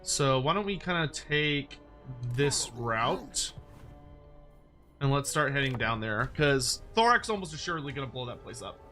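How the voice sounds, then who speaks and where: A man's voice: mid-range voice, expressive, a little slow, bright, forceful tone. A man giving casual, playful game commentary with wry asides, as a streamer talking to viewers. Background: music behind the voice.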